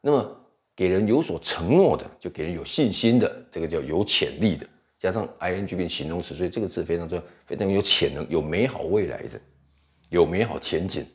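Low-voiced man teaching English vocabulary. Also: expressive. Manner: explains in Mandarin, reads English slowly and spells words out. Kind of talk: vocabulary lesson.

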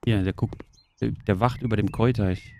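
A woman streaming a simulator game, chatting excitedly and joking with her viewers. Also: rumbling low, fairly quick, very noisy. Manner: excitable, jokey, talks to viewers. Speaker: gaming streamer. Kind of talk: casual gameplay commentary.

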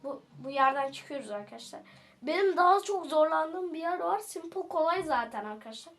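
A woman giving casual gameplay commentary as a streamer, jokey and excitable, teasing the enemies with sudden shouts. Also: high-pitched, a little fast. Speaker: gaming streamer.

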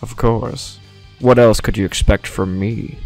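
A man acts out a smug monster villain in a cartoon impression voice. The delivery is slow, pompous and coldly condescending, with faint game music underneath. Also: fairly low pitch, steady tone, gravelly, darkish tone.

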